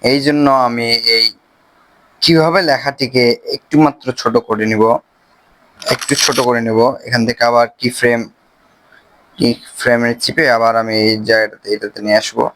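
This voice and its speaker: A man with a Bangladeshi Bengali accent, casually explaining a phone video-editing app step by step, with pauses as he clicks. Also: mid-range voice, fairly even intonation, fairly bright tone. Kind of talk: screen-recorded software tutorial.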